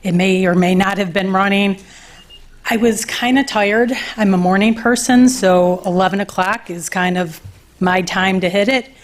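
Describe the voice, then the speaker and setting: A woman's voice: medium pitch, steady tone, normal speed. Chatty woman giving public comment. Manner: chatty, questioning, storytelling. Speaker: resident speaking at public comment.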